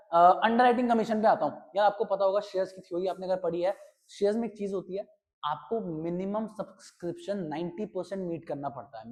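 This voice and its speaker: A slightly hoarse man teaching an accountancy class, who asks questions and answers them himself. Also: high-pitched, big-room sound. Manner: animated, asks and answers his own questions. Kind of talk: online class lecture.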